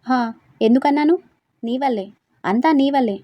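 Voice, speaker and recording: Young wife, fiery, indignant, shouting, highish, dry sound, woman voicing. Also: fairly even intonation, a little fast, no echo, muffled recording, lightly acted. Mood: angry.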